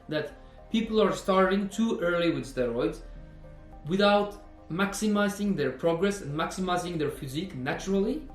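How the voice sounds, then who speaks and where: A man's voice: high voice, reverberant. A man, a personal trainer talking earnestly in a fitness vlog, repeating himself and saying "you know" often. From Norway. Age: 20s.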